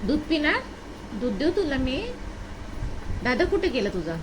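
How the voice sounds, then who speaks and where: Give me a woman in her thirties with a fairly high, very lively voice, gently coaxing her kids at home as she vlogs. The phone recording carries clear background noise. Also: measured pace. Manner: coaxing, motherly questions to the kids. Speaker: mother filming a family vlog. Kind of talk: casual home vlog narration and chat with children. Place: home, indoors.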